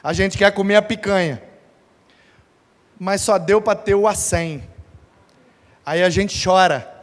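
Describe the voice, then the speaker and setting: A pastor preaching a sermon, emphatic and dramatic with humorous touches. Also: male voice, high-pitched, slow pace. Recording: reverberant church hall.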